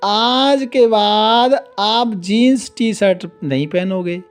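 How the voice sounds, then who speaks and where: A male storyteller voicing a kindly, playful elderly guru in a devotional tale, with gentle, fatherly coaxing. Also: high voice, takes it slowly, clean tone, soft background music.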